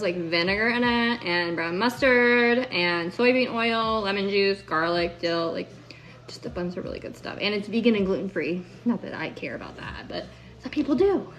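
A woman's voice: medium pitch, expressive, moderate pace, a bit bright, slight background noise. A woman chatting casually on a live stream while cooking at home, upbeat and full of "like" and "um". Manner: chatty, upbeat, lots of fillers like "like" and "um". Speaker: food content creator.

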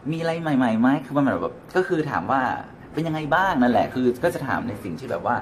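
A man's voice: mid-range voice, very animated, quick pace, slight background noise. A man with a Thai accent, a native Thai speaker, giving a casual English lesson and acting out example greetings. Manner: switches between English and Thai, acts out example phrases. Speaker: English teacher.

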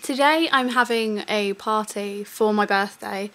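A woman's voice: medium pitch, measured pace, fairly bright tone. A woman of twenty, chatting casually to camera about her day. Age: 20s. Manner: chatty, self-mocking. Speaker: vlogger. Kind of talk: casual vlog chat. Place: her house, indoors.

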